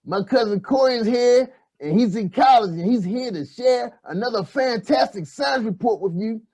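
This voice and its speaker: Very high, overbright puppet kids' host. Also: male voice, expressive, moderate pace, a little mellow. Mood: overbright, excited. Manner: overbright kids' party host, hyped and exclamatory. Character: excitable boyish male puppet kids' show host, jokey. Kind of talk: children's puppet show presenting.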